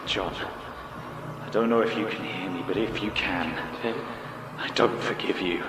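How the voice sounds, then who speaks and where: Man playing slow, deadpan defiant man in reverb. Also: deep voice, background noise. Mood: cold, resolute. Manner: deadpan, dry, taunting. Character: calm, defiant man coolly taunting an enemy. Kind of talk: audio horror drama acting. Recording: echoey long reverb, music behind.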